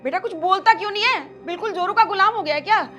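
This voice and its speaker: Actress as hurt mother-in-law, very high pleading voice, soft music under. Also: fast talker. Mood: complaining. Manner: pleading, complaining. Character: wounded, complaining mother-in-law.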